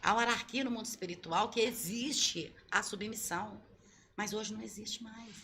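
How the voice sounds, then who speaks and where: A woman's voice: mid-range voice, moderate pace, vocal fry, sharp tone, a little hiss or hum. A woman pastor giving earnest, teaching answers in an interview, often repeating her key points. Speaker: pastor, guest. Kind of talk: sermon-like answers in a podcast interview.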